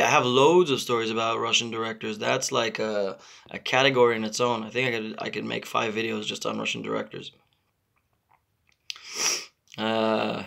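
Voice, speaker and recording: A man in his thirties from Israel, hosting a casual live stream and answering viewer comments with halting, repetitive phrasing and many fillers. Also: medium pitch, vocal fry, sharp tone. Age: 30s. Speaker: channel host.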